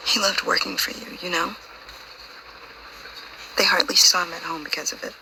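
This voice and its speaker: A woman playing a grieving, hurt and suspicious young daughter in a video game, breathy and creaky, with a raw, probing delivery. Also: on the low side, steady tone, normal speed, pushed and bright, a little hiss or hum, heavily acted, low-quality recording. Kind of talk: video game dramatic acting.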